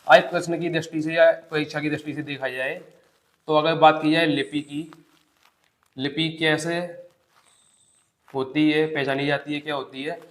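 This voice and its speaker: A man's voice: a little high, fairly even intonation. Man teaching a grammar lesson, echoey. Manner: explains step by step, repeats example words slowly. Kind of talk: exam-prep grammar lesson. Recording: echoey room.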